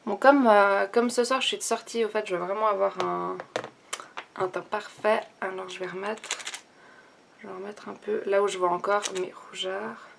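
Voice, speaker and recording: A young woman chats through her favorite products while applying makeup, thinking aloud with frequent fillers and restarts. Her voice sits at an ordinary middle pitch. A faint hiss runs under the recording. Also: fairly even intonation, moderate pace, gravelly. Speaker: beauty vlogger. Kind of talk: casual makeup tutorial and review.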